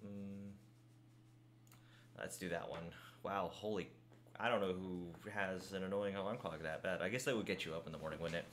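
A man's voice: low-pitched, fairly even intonation, normal speed, fairly bright tone, slight background noise. A man hosting a gaming video, chatting casually and jokingly while reading the game's text aloud with his own asides. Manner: jokey, reads game text aloud with asides. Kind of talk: casual let's-play commentary.

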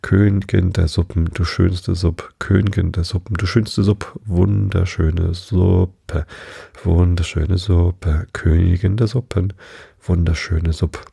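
A man voicing a melancholy male mock turtle who sings a slow, mournful song about soup. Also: low voice, fairly even intonation, vocal fry, mellow, husky, no room sound, studio quality, heavily acted.

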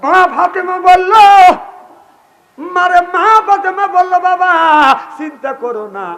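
A male preacher with a high, ringing tone chants a story during an Islamic waz sermon at an open-air religious gathering, surging into shouts and telling it tearfully. The echoey loudspeaker sound carries faint music.

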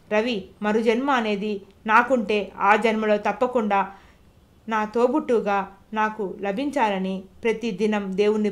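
A woman's voice: mid-range voice, natural voice. A woman narrator voicing a grown woman who reads out her sorrowful, resolute farewell letter in an audio novel. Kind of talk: audiobook character reading.

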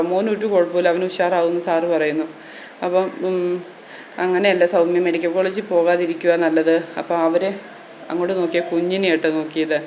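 A woman's voice: lowish voice, darkish tone, slight background noise. A woman vlogger and mother telling her own story in a chatty way, often turning to the viewers with "you know". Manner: conversational, frequent tag "keto" addressing listeners.

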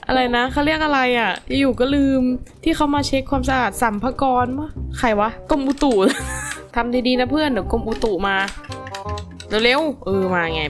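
A young adult woman giving casual, animated gameplay commentary as a gaming YouTuber, exclaiming and chatting to her viewers. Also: sits high, moderate pace, over music.

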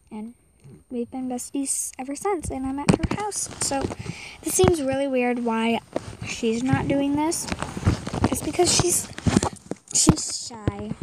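Chatty young girl, high voice, noisy. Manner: chatty, rambling, giggly. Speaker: guest commentator. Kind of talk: casual gameplay commentary.

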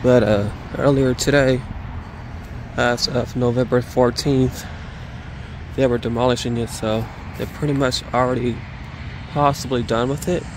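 A man's voice: medium pitch, level tone, a little slow, long pauses, background noise. A young adult man narrating a casual exploration vlog, recorded outdoors on a handheld phone. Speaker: vlogger, urban explorer. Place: outdoors at night by an empty building. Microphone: handheld phone at arm's length.

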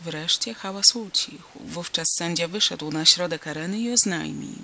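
A narrator reading a classic novel aloud as an audiobook, with lively expression. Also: mid-range voice, moderate pace, vocal fry.

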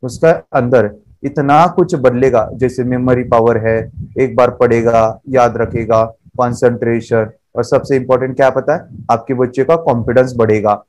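Flat, joyless male presenter, as a man puts him on: low monotone, no life in it. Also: normal speed, natural voice, poor audio. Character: dull, flat-voiced male presenter without emotion.

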